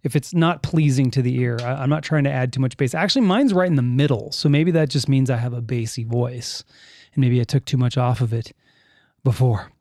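A man with a medium-pitched, dark voice hosts a casual live podcast, talking fairly quickly as he rambles, corrects himself, and reads listener chat comments aloud. He uses a studio mic and headphones, and there's no room sound.

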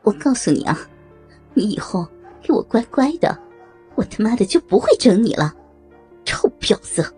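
A woman's voice: mid-range voice, sing-song, normal speed, long pauses, a little mellow, husky, soft background music. A woman playing a vicious cursing village chief. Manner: snarling, insulting.

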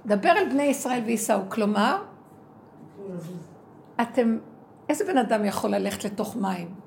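A woman giving an impassioned spiritual testimony. She is emotional and swings from low murmurs to loud cries, acting out inner dialogue in quoted speech. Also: a little hiss or hum. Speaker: speaker in a religious talk.

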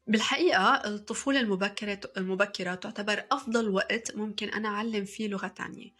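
A woman's voice: medium pitch, fairly bright tone, slightly rough. A woman in her thirties with a Levantine Arabic accent, giving chatty parenting advice with many fillers and restarts. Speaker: parenting podcast host. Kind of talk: casual advice talk.

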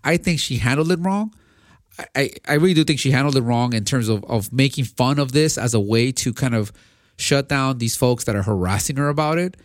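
A man's voice: medium pitch, brisk, no echo, clean studio sound. A man co-hosting a podcast, giving his opinion in casual debate, often restarting and repeating words as he thinks aloud. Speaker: podcast co-host.

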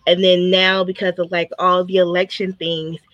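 A woman chatting as an interview guest over a video call, quick to laugh and full of casual filler words. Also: on the low side, little pitch movement, a bit bright, lo-fi sound. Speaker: interview guest, business owner.

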